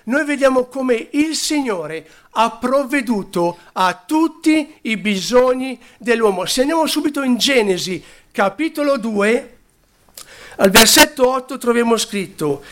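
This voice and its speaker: Guy preaching a sermon, really high voice for a man, takes it slow, fixes his slips as he goes. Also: expressive, a bit bright. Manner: unhurried, stops to correct his own slips.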